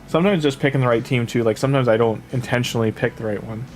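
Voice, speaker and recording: Talking very fast in a mid-range voice, a late-night game streamer rambles to his chat with plenty of fillers and casual advice. He's sniffly, at the end of a cold, and a slight background noise sits under the recording.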